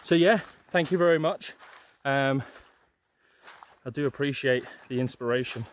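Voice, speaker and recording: A young adult outdoor vlogger strolls an open hillside, talking in a relaxed, upbeat way to a camera held at arm's length and leaning on lots of fillers. His mid-range voice is unhurried, and there's a little hiss or hum.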